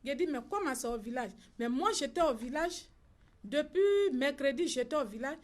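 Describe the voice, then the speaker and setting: Middle-aged Ivorian woman, slightly high voice. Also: lively intonation, normal speed. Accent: Ivorian French. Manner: recounts events by acting out reported dialogue. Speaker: bereaved mother at a press conference. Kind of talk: personal account at a press conference.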